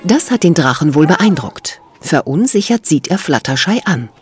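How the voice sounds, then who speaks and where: A woman's voice: deep voice, sing-song, moderate pace, slightly rough. A woman narrator reading a scripted children's story. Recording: music underneath.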